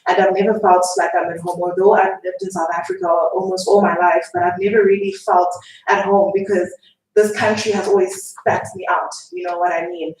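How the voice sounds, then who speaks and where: A young woman from Zimbabwe asks an emotional question from the floor, shaky and urgent, talking fast. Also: on the low side, flat delivery, a little mellow. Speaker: audience member asking a question. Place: lecture hall at a public event. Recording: echoey hall, far from mic.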